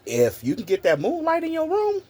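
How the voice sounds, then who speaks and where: A man in his forties, a content creator, telling childhood stories in a casual, animated vlog. He talks straight to his viewers, laughs often and swears freely. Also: very high-pitched, brisk.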